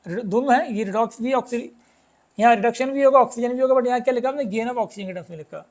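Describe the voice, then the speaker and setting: A man teaching a chemistry lesson, reading English questions slowly and explaining them, often asking students whether it is clear. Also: extremely high pitch. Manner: addresses students as "beta", keeps asking if it is clear.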